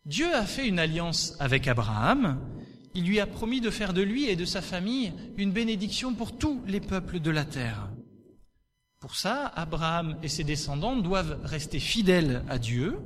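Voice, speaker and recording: A man reading a Bible passage aloud and then teaching on it, in an expressive and measured way, asking questions of his listeners. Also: sits high.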